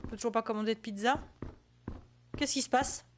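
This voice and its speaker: High-voiced French woman streaming a horror game. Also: fairly quick, a little hiss or hum. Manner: jumpy and talkative, reacting out loud. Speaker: gaming streamer. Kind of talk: casual let's-play commentary.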